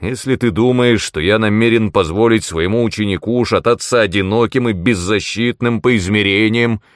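A man voicing a grumpy, blustering male demon mentor in an audiobook, given to loud indignant outbursts. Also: on the low side, moderate pace, no echo, clean studio sound, close to an everyday voice. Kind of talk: audiobook character reading.

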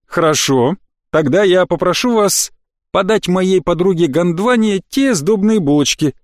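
A man voicing a smug, arrogant male elf who speaks with smooth, condescending politeness in an audiobook. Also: high voice, lively intonation, a little slow, no echo, studio quality, pitched above the performer's own voice. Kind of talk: audiobook character voice.

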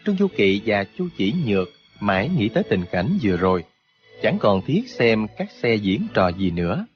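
A man narrating a martial arts novel for an audiobook, in an expressive, steady storytelling manner. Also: fairly low pitch, normal speed, lo-fi sound, soft background music.

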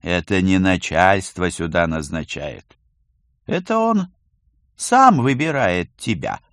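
A man voicing an old male house ghost who speaks in a rustling whisper, slow and instructive, in a storybook reading. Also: low voice, sing-song, fairly bright tone, no echo, studio quality, full character voice. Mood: stern.

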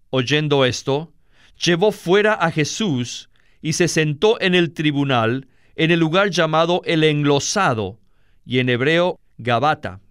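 Slow, smooth male scripture reader. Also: fairly high pitch, fairly bright tone, no room sound, clean studio sound. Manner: measured, deliberate. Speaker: Bible reader.

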